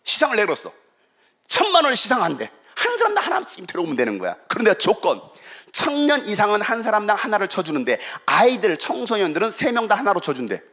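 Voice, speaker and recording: A middle-aged man preaching a revival sermon as guest pastor, swinging between loud shouting and quiet asides and acting out quoted voices. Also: high-pitched, wildly swooping pitch, quick pace.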